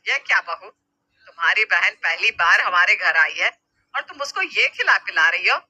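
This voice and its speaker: A woman doing a loud scolding mother-in-law. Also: on the high side, lively intonation, normal speed, dull audio. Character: stern scolding middle-aged mother-in-law.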